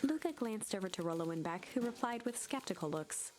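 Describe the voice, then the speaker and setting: A woman reading a narrative game's text aloud in an even, measured storytelling manner. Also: mid-range voice, faint music behind. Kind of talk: scripted narration of a game aloud.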